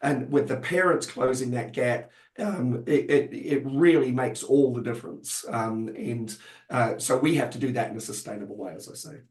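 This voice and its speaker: A man's voice: medium pitch, moderate pace, reverberant. A man presenting in a webinar, explaining a support program with many fillers and restarts, losing his voice. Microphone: online video call.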